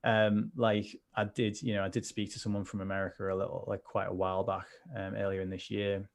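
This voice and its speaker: A man's voice: fairly low pitch, flat delivery, brisk, creaky. A man, a mental health coach, chatting earnestly on a livestream, rambling with many restarts. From United Kingdom. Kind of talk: casual conversation on a livestream.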